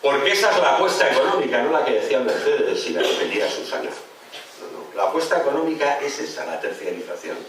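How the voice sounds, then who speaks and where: A man's voice: mid-range voice, lively intonation, brisk, background noise. Man at a political rally, fiery and mocking, recorded from a distance in a reverberant hall. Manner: impassioned, sarcastic, rhetorical questions. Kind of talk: rally speech. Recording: echoey hall, mic far off.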